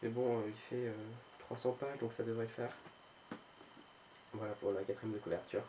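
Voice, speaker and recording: Hesitant man with a flat voice. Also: mid-range voice, moderate pace, noisy background. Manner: hesitant, full of "euh" fillers and restarts. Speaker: book vlogger. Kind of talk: casual show-and-tell of a book collection.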